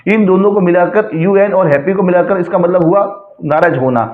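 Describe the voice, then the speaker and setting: A man with a notably high voice delivers a slide-by-slide lesson, slowing down and repeating example words to show how they sound. The room is echoey and the sound is thin and tinny, like a phone line. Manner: slow, explanatory, repeats words for pronunciation. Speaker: English grammar teacher. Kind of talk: slide-based lecture.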